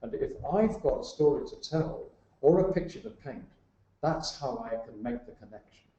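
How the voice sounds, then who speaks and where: A man's voice: a little high, very animated, normal speed, background noise. A man speaking as a guest on leadership, building emphatic lists of examples with some fillers. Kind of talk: explanatory talk. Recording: roomy, muffled sound.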